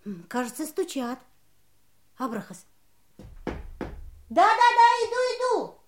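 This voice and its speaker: Mischievous young witch, very high girlish voice, animated melody, storybook drama, slightly noisy recording. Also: slow pace, full character voice. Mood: lively, friendly. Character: young little witch, mischievous, kind-hearted, playful. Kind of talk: children's audio drama acting.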